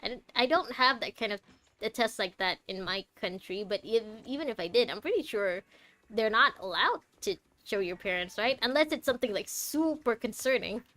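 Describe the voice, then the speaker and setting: A young Malaysian woman streams a game, chatting casually, rambling and thinking out loud as she plays. Her voice is fairly high, pushed and bright, with lively intonation at a moderate pace.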